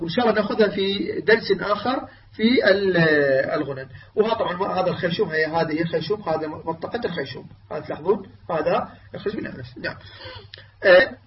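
Male tajweed teacher, high voice, hesitant explainer who slowly demonstrates recitation; distant, dull lo-fi recording. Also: slight background noise. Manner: explains with many filler sounds, then slowly demonstrates recited words. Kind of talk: tajweed lesson. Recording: distant mic, dull lo-fi sound.

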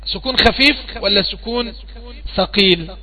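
A man's voice: high voice, normal speed, lo-fi sound. A man with an Egyptian accent teaching Quran recitation rules, patiently asking students questions and repeating each point. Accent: Egyptian Arabic. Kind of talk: online tajweed lesson.

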